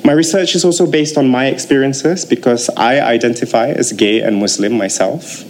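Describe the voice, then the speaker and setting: A man giving a talk, telling a story with animated, acted-out quotes. His voice sits at an ordinary middle pitch. A faint hiss stays under it. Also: normal speed. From Malaysia.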